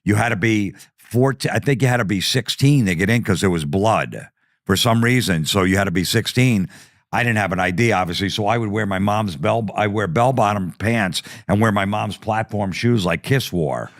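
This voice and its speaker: A man with a lowish voice tells a profane comic story from his youth in the New Jersey area. He acts out the people in it as he goes. The sound is dry and close to the mic. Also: moderate pace, dry recording. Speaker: podcast guest. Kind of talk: comedic storytelling.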